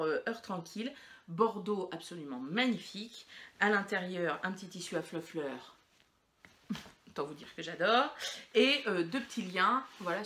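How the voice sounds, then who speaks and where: A woman's voice: on the low side, fairly bright tone, slight background noise. A woman hosting a knitting podcast, chatting casually and rambling with many fillers and restarts. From France. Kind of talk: casual chat to camera.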